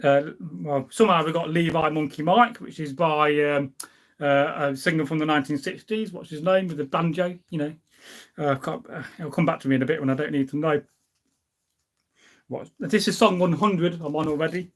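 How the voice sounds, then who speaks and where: A middle-aged history enthusiast hosts a casual live stream, rambling informally and telling anecdotes as he reads out and answers viewer comments. His voice is a bit high for a man, and he speaks at a moderate pace.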